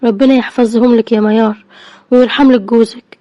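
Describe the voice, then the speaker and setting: A brisk, practical neighbor woman in a storybook, as a woman puts her on, chatting in Egyptian Arabic with reassurance. Her voice is high and fast, mellow in tone, recorded dry and close. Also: fairly even intonation, dry recording, lo-fi sound, lightly acted. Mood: encouraging. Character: caring, practical neighbor woman, old friend.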